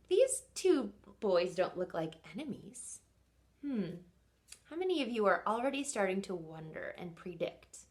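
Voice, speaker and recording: Here a woman who teaches and hosts reads a picture book to small children with plenty of expression, breaking off regularly to quiz her listeners. Her pitch is medium.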